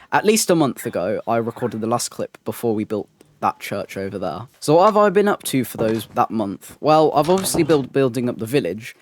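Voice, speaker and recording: A man's voice: mid-range voice, no echo. A man narrating a game build as a voice-over, rambling with lots of ums and restarts. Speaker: Minecraft builder and channel host. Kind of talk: gameplay voice-over commentary.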